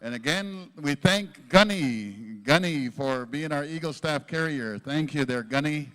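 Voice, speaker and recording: A man gives informal announcements at a live event in a smooth, clear voice that sits a little high. He is plain-spoken and somewhat halting as he organizes things. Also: expressive, a bit bright. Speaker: powwow announcer. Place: powwow at a casino event, over a PA.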